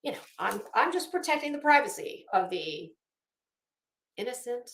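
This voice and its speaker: Recorded in an echoey room, a middle-aged woman host rambles through a sarcastic, theatrical monologue of mocking commentary. She speaks at a moderate pace in a fairly high, fairly bright voice with big pitch swings.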